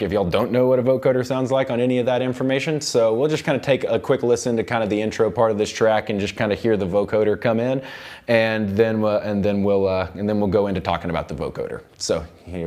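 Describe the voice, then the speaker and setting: A young adult American man with a somewhat low, slightly mellow voice gives a casual live tutorial as an instructor and seminar host. He rambles, often repeating and restarting phrases, while seated at a mixing console in a recording studio control room.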